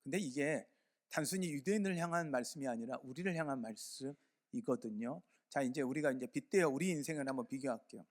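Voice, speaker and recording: A man preaching a sermon as pastor in a church sanctuary, telling a story conversationally and putting questions to his congregation. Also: medium pitch.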